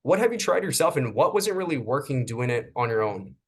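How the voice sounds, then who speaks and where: A fitness coach hosts a casual interview, sounding friendly and encouraging while peppering his questions with "um" and small restarts. His voice is medium-pitched and husky, sing-song and brisk.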